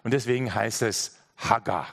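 A man's voice: on the low side, normal speed, vocal fry. A man preaching a sermon in an earnest, direct way, speaking straight to his listeners and often repeating his phrases.

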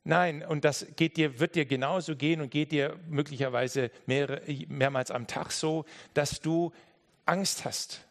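A man preaching a sermon emphatically, speaking straight to the listener and swinging between loud and hushed. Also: on the high side, steady tone, moderate pace, few pauses.

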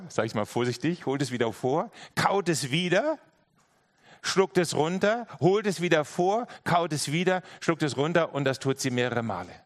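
Earnest preacher man, fairly high voice. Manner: earnest, direct address with many repeated phrases. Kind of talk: sermon.

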